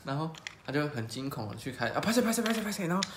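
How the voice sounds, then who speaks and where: A man chats quickly and casually, telling a story and slipping into the voices of its characters. His voice sits at a middle pitch. The room is echoey, with a faint hiss behind him. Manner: animated, acts out quoted people. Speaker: podcast host.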